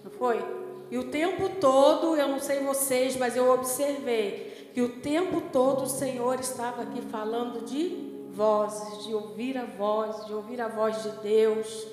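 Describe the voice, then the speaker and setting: A woman pastor with a Brazilian Portuguese accent, preaching a sermon in a conversational way and often checking in with the congregation. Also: a little high. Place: church hall. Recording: echoey church hall with music. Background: music.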